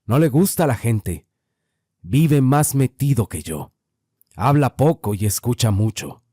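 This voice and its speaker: A man voicing an older rural mountain man, grave and wary, speaking slowly and low. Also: expressive, warm tone, husky, no room sound, clean studio sound. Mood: grave warning.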